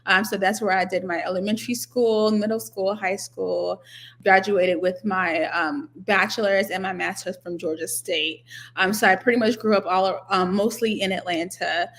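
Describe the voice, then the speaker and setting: A woman's voice: mid-range voice, steady tone, moderate pace, a bit bright. A young woman in her twenties, originally from Nigeria and raised in the US, answering interview questions thoughtfully, with fillers and restarts. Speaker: guest, doctoral student.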